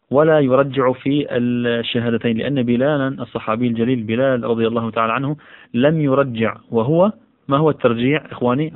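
A man reading and explaining a text on Islamic law as a teacher, often repeating phrases and correcting himself with fillers. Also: medium pitch. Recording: tinny phone-like audio.

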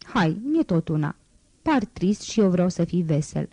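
A woman's voice: on the low side, big pitch swings, warm tone, no room sound. A woman reading an audiobook, voicing a teasing, wistful poor young street girl in a lightly raised voice. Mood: coaxing.

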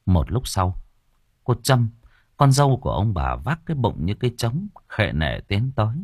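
A male storyteller reads an audio novel with lively, expressive intonation. His voice is low and husky, recorded dry and close. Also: moderate pace, dry recording. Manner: expressive, acts out characters. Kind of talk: audiobook narration.

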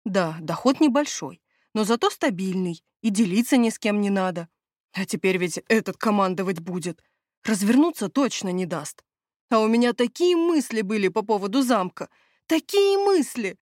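A woman's voice: mid-range voice, lively intonation, normal speed, darkish tone, no echo, close to an everyday voice. A grumbling male castle steward who wheedles and dodges, always fretting about his own plans, read by a woman. He haggles rather than answers. The storybook sound is dry and close. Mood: complaining. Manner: whining, evasive, haggling. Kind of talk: audiobook character reading.

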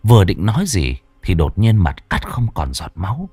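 Dramatic horror storyteller. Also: male voice, sits low, very animated, normal speed, dark tone, slightly rough, no room sound. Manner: dramatic, swooping storytelling delivery. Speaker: ghost story narrator. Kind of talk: scripted horror story narration. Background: faint background music.

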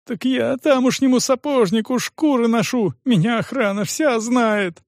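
A man voicing a terrified crippled young man who whines and pleads in a high, sobbing voice. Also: a little slow, no echo, studio quality.

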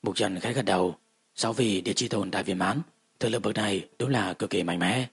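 A man giving steady, even scripted narration of a fantasy audiobook. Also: lowish voice, fairly quick, husky.

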